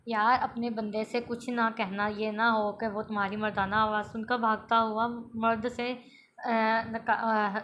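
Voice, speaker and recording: Here the novel reader's voice is a little high and barely moves in pitch as she reads unhurriedly. She voices all the characters of the romance herself, mostly plainly, stumbling and restarting now and then. The audio is dull, with slight background noise.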